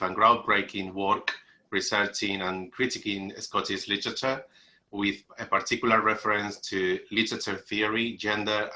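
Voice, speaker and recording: A man's voice: fairly low pitch, pushed and bright, low-quality recording. A man hosting an online literary event, introducing guests and asking questions in a hesitant way, often repeating and rephrasing. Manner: hesitant, repeats phrases and gropes for wording. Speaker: event host and interviewer. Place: remote video call.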